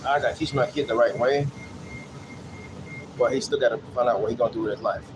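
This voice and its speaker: On a city bus, with the vehicle and air noise plainly heard, a late-thirties vlogger rambles through anecdotes at a quick pace. His mid-range voice sounds muffled with the highs cut off, and his off-the-cuff talk is repetitive and peppered with "you know what I'm saying."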